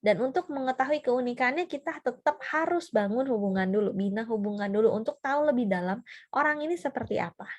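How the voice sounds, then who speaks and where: A woman's voice: on the high side, expressive, a little fast. A woman giving a casual seminar talk on personality types, chatty and full of fillers and tag questions. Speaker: trainer.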